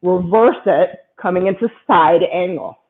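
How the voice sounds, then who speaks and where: Leading students through a yoga sequence, a woman with a lowish voice keeps offering brief, brisk encouragement on how to align and breathe. It all comes across tinny and thin, like it's playing over a phone line.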